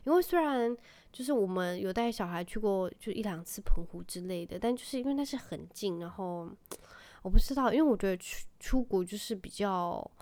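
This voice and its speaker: A woman's voice: mid-range voice, lively intonation, a little fast, a little mellow. A woman in her thirties hosting a podcast in Taiwanese Mandarin, chatty and self-deprecating, dropping in English phrases. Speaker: podcast host. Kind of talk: casual monologue.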